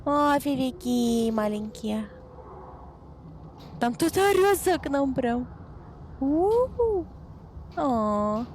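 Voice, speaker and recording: A young woman chatting casually on a gaming stream in a cute anime-streamer manner, excitable and playful, full of exclamations. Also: a little high, slow pace, long pauses. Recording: clear background noise on stream mic.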